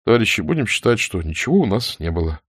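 A stern old scholar , as a narrator plays him, talking in a measured, reproachful way in a low voice. The sound is dry and close, as in an audiobook reading. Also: male voice, big pitch swings, slightly rough, no room sound. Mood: gentle. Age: older. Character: old bookish man, stern then gentle.

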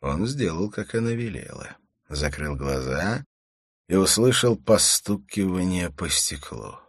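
A male narrator reads a novel in a very deep, low voice. His pace is measured and steady, and the recording is dry and close with no room sound. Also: husky, no echo. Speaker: audiobook narrator. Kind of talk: scripted narration of a crime novel.

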